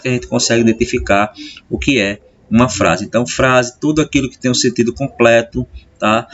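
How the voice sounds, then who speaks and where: A man's voice: mid-range voice, a bit bright. Brazilian male teacher, patient, check-in style. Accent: Brazilian Portuguese. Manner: explains patiently, with frequent "tá?" and "né?" check-ins; drawls key terms slowly and speeds through asides. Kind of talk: classroom grammar lesson. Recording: slightly dull lo-fi sound with faint hiss.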